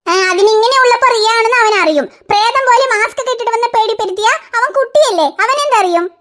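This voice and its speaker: A woman's voice: very high voice, lively intonation, quick pace, a bit bright. A woman voicing a fussing cartoon mother who scolds in an exasperated way. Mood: explaining. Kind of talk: cartoon voice acting.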